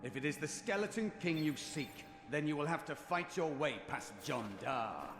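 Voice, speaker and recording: An actor playing a stern, earnest templar warrior in a video game, speaking formally and resolutely. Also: male voice, on the high side, expressive, normal speed, background noise, natural voice. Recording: echoey game audio under loud music.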